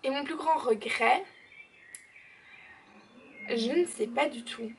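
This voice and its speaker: A woman's voice: high-pitched, slow. An eighteen-year-old woman, chatting casually as she answers viewer questions in her vlog, full of fillers. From Belgium. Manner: chatty and bubbly, lots of fillers and "genre". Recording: slightly distant mic, faint background noise.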